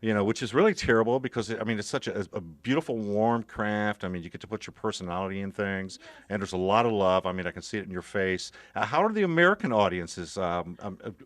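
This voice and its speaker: A man's voice: lowish voice, lively intonation, fast. A man interviewing a guest, asking long rambling questions with stammers and restarts. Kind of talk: casual interview.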